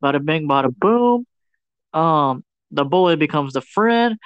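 A man's voice: a little high, a little slow, clean tone, no echo, highs cut off. A man co-hosting a podcast, giving a casual, slangy movie recap and acting out the characters as he goes. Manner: slangy, animated storyteller who acts out characters. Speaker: podcast co-host.

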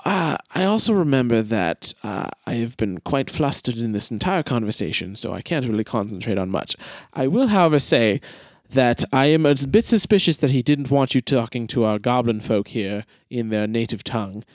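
A man's voice: medium pitch, animated, normal speed, few pauses, dry recording. Fussy, hesitant man at a tabletop game. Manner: fussy, hesitant, with many fillers. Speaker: player. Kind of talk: in-character tabletop play.

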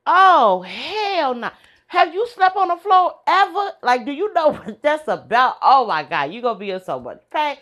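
A woman's voice: mid-range voice, animated, rapid-fire, few pauses, a little mellow, breathy edge, voice pushed up. A woman voicing her blunt, teasing male friend who exclaims in disbelief. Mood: incredulous.

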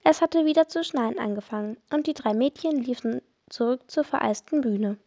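A woman podcaster reading a children's mystery story aloud in steady storybook narration. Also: fairly high pitch, normal speed, muffled recording. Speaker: podcast reader.

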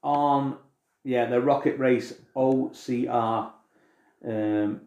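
An English man talks in easygoing, informal podcast chat, dropping the odd swear word. His voice sits at a middling pitch. The room around him gives the sound a clear echo. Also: fairly even intonation, extremely slow, darkish tone, muffled recording. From England. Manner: chatty, informal, swears casually. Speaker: podcast co-host. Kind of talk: casual chat.

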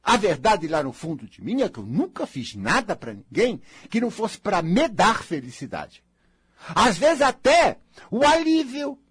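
A man's voice: on the high side, huge pitch swings, normal speed, fairly bright tone, slightly rough, dry recording. A man with a Brazilian accent giving an emphatic, dramatic motivational monologue as a spiritual life coach, acting out mocking dialogues.

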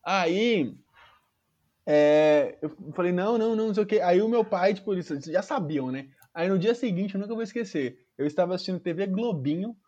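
A man's voice: high voice, lively intonation, a little fast, darkish tone, dull audio. A man telling a funny personal story in casual, slangy chat, swearing freely and acting out the people in it. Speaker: podcast storyteller.

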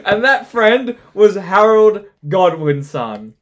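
A man with a fairly high voice narrates a comedic history story as host. He is playful and teasing, and stumbles over words now and then. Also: sing-song, slow pace.

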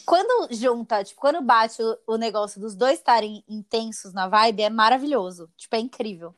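A woman's voice: on the high side, moderate pace. A young woman, a podcast host telling a dating story in casual, slangy chat. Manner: animated storytelling, slangy and profane.

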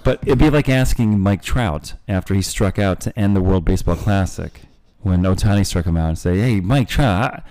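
A man's voice: deep voice, brisk, hardly any pauses, warm tone, smooth, no echo, poor audio. A man co-hosting a casual chat, a teasing, chatty storyteller. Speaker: podcast co-host and golf dad.

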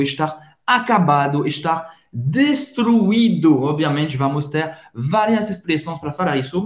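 A man hosting a podcast French lesson, repeating each phrase slowly and spelling it out. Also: fairly high pitch, echoey room. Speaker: French teacher, podcast host.

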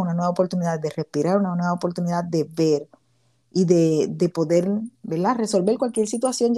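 A woman's voice: fairly low pitch, mellow. A woman hosting a casual talk about gratitude and faith, speaking earnestly with many restarts.

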